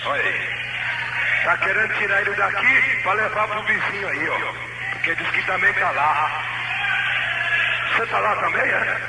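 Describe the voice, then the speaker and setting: Preacher on a hissy worn tape copy. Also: male voice, high-pitched, lively intonation, normal speed, creaky, pauses often, reverberant. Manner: mocking, questioning. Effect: worn tape copy played on a speaker. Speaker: pastor questioning a possessed person. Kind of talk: deliverance session.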